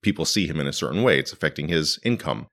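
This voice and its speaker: A man's voice: a bass voice, animated, quick pace, a bit bright. A man hosting a podcast in casual, wry conversational commentary, recorded in a living room. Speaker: podcast host. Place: living room used as a home studio.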